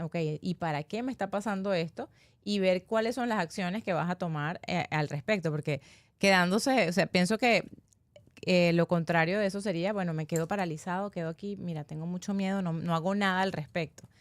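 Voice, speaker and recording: A woman's voice: on the low side, no echo. Thoughtful woman, breathing specialist guest. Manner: thoughtful, sharing personal reflections. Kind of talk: live online workshop conversation.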